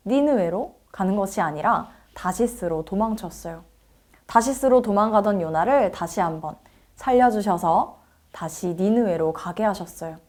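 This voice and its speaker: A woman's voice: mid-range voice, animated, normal speed, a little mellow. A woman preacher telling a Bible story to children in a church service, asking them questions and acting out the characters' lines. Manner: asks the children questions, acts out quoted lines.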